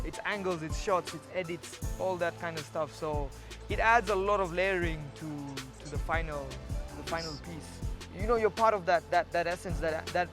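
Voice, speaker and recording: A man talking casually and reflectively as a street artist in a documentary, often repeating words for emphasis. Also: a little high. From Kenya. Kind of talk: casual documentary interview and walk-along talk.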